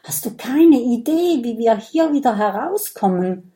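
A woman's voice: on the high side, lively intonation, a little slow, mellow, pitched above the performer's own voice. A woman voicing an anxious, clever young female character in a children's audiobook. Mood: fretful. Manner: fretful, explaining.

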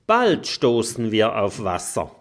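A man's voice: on the low side, wildly swooping pitch, slow pace, full character voice. A man voicing a small, earnest and encouraging young male dragon in a children's storybook.

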